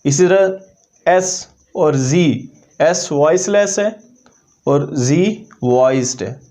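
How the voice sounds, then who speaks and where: Mellow-voiced man teaching a lesson. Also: fairly high pitch. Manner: methodical, repeats example words slowly for demonstration. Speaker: English language teacher. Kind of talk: explanatory lesson.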